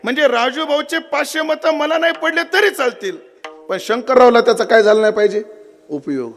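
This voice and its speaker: A man's voice: very high-pitched, brisk, loud music behind the voice. A man delivering a devotional kirtan sermon. He tells the story with acted dialogue and quizzes his listeners. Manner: lively storyteller acting out dialogue, quizzing the audience. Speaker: kirtan preacher. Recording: echoey hall with tabla and instruments.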